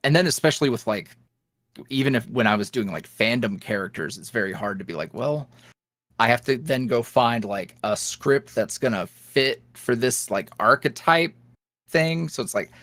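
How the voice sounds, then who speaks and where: A man with a mid-range voice and normal speaking speed chats informally as a podcast guest; he makes ASMR roleplays. His delivery is loose and lively, full of trailing off, restarts, and laughter between thoughts. Studio quality, no echo.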